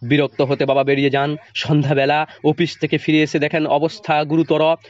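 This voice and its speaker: A man's voice: a little high, monotone, brisk. A man teaching a class, reading a story aloud and explaining it line by line in plain words, often checking that the students follow. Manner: reads the text aloud, then retells it in plain words and quizzes the class. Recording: dull lo-fi sound.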